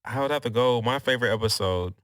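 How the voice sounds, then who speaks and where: A man co-hosting a podcast, recapping a sitcom in casual chat with slangy, animated storytelling and lots of laughter. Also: medium pitch, fast, no echo, studio quality. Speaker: podcast co-host.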